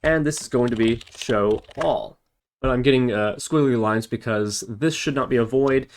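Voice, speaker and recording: A man with a medium-pitched voice narrates an informal, screen-recorded coding tutorial, talking through his work step by step and thinking aloud like an instructor demonstrating on screen. He speaks at a moderate pace, with a little hiss or hum in the audio.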